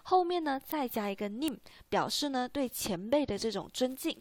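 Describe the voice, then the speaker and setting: A woman's voice: high voice, lively intonation, brisk, no echo. A woman teaching a beginner language lesson, patiently repeating words and often checking with "right?".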